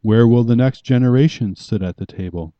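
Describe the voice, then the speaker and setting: A man's voice: mid-range voice, a little fast, warm tone, no echo, lo-fi sound. A man preaching a sermon in an emphatic, commanding way as a pastor.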